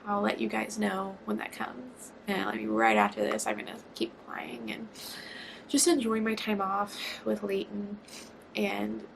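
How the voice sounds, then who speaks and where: Gravelly woman telling a story. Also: mid-range voice, fairly even intonation, a little slow, slight background noise, rough recording. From Georgia, USA. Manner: chatty, many fillers, near tears. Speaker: vlogger. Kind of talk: emotional personal storytelling.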